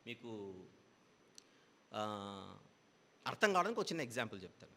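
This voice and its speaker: A man's voice: lowish voice, very animated, normal speed, creaky, bright, forceful tone, long reverb tail. A man preaching a Bible teaching sermon, explaining patiently with repeated parallel phrases.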